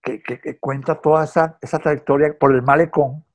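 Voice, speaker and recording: Husky Venezuelan man chatting films. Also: a little high, steady tone, normal speed, lo-fi sound. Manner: hesitant, repeats words, storytelling. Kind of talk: casual film chat.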